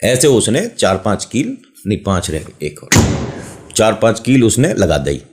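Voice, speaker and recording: A man's voice: lowish voice, huge pitch swings, measured pace, darkish tone. A man casually telling a horror story, breaking off often to joke with his listeners. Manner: chatty, joking asides to listeners, playful digressions. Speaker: storyteller host.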